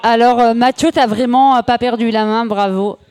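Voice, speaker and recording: A woman's voice: on the high side, fairly even intonation, moderate pace, a little mellow, smooth, faint music behind. A woman hosting a live radio show in front of an audience, upbeat and handing off to guests.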